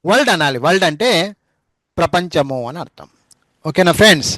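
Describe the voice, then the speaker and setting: Brief: high-pitched male teacher, patient repeater, dry close sound. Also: sharp tone, no room sound, low-quality recording. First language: Telugu. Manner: spells words out letter by letter, repeats words slowly. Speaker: English teacher. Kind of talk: spoken English lesson.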